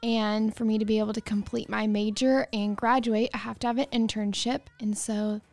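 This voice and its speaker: Young female intern from Texas, earnest answers, mid pitch, dry studio sound. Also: fairly even intonation, moderate pace, darkish tone, no echo. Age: 20s.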